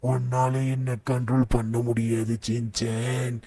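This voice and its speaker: A man voicing a huge, boastful green brute who makes slow, gloating threats in a comic game voice-over. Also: medium pitch, completely flat delivery, dark tone, breathy edge. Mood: menacing.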